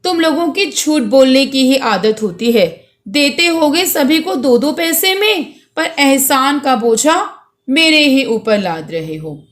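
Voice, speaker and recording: Woman reading a grumbling impatient gentleman. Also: sits high, expressive, takes it slowly. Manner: brusque, suspicious.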